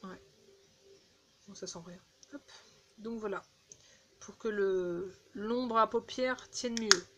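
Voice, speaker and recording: A woman casually chatting through a beauty haul, halting with fillers and restarts, recorded on a phone indoors. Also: medium pitch. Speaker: beauty vlogger.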